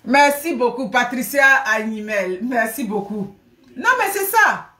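A middle-aged woman chatting live to her viewers from a room at home, animated, often laughing, thanking people by name. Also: on the high side, unhurried. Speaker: livestreamer. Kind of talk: casual live stream chat. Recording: echoey room.

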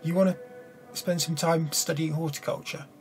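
Gravelly young man commentating on a game. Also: a little high, flat delivery, moderate pace. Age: young adult. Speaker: gamer playing and commenting on a card game. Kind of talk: casual gameplay commentary, reading game text aloud. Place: small room indoors at a desk. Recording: game music behind the voice. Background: game music.

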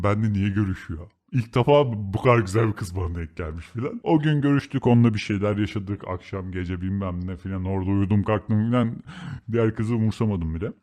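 A man's voice: on the low side, a little mellow. Blunt, slangy young Turkish man. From Turkey. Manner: blunt, slangy, swears freely. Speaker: podcast host. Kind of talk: casual confessional storytelling.

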